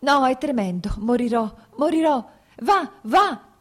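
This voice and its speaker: A woman reading aloud and voicing a frightened young wife in labor, speaking in a rushed, high, breaking voice. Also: expressive, darkish tone, natural voice. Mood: terrified. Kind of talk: audiobook character reading.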